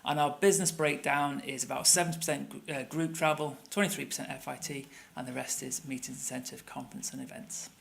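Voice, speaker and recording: A tour operator presenter, middle-aged and Manchester-accented, talks conversationally at a conference with many fillers and restarts. His medium-pitched voice is creaky yet fairly bright, steady in tone, and he rattles along quickly with hardly any pauses. He hails from England and speaks in a conference room.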